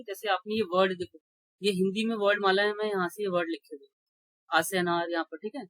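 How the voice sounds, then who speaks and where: A man's voice: sits high, pushed and bright, dry recording, low-quality recording. A man teaching an exam-prep grammar lecture, explaining rules step by step, checking in with his students and answering his own questions. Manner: asks rhetorical questions and answers them.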